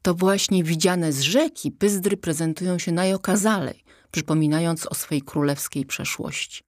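A woman reading a children's audiobook in a calm, even storytelling voice. Her voice sits fairly low, and the recording is close and dry, with no room sound. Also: normal speed, dry recording. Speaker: audiobook reader. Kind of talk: scripted children's story narration.

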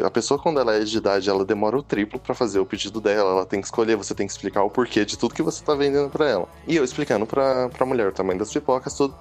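A young man with a Brazilian Portuguese accent telling a work story on a podcast, animated and acting out the people he quotes. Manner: animated, acts out quoted customers and staff with rising pitch. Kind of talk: casual storytelling chat.

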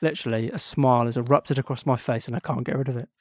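A man's voice: mid-range voice, steady tone, fast talker, darkish tone, no echo, studio quality. A man co-hosting a podcast in a casual, rambling chat, gushing with enthusiasm. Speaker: podcast co-host.

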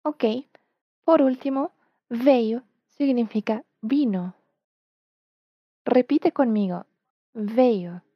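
A slow, patient Portuguese teacher, a native speaker, gives a language lesson, modeling words slowly for the learner to repeat. Her voice is fairly high and expressive. The recording sounds dull, dry and lo-fi.

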